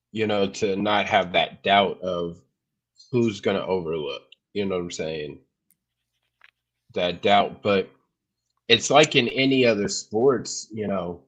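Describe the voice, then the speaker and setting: A man's voice: on the low side, a bit bright. A man co-hosting a podcast, rambling in casual sports chat with lots of fillers. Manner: rambling, many fillers like you know. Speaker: podcast co-host.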